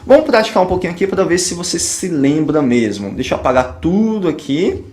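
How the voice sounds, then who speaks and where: Man, teacher type, high and expressive voice, patient step-by-step explainer, recorded in an echoey room. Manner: explains patiently, often asking the viewer "tá?" and "ok?"; slows down sharply on English example phrases. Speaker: English teacher. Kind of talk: classroom lesson at a whiteboard.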